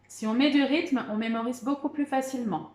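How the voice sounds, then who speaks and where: A woman's voice: a little high, steady tone, a little fast, darkish tone, echoey room. A woman teaching young children, patiently spelling words letter by letter and encouraging them as she goes. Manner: encouraging, repeats "d'accord" and "très bien". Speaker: primary school teacher. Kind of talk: remote spelling lesson for children.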